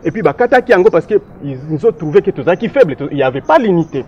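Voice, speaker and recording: A man makes his case in a political discussion, lecturing and emphatic. His voice sits a little higher than most men's. He often works through long lists of countries and centuries. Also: very animated, very fast, darkish tone, dull audio, slight background noise. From DR Congo.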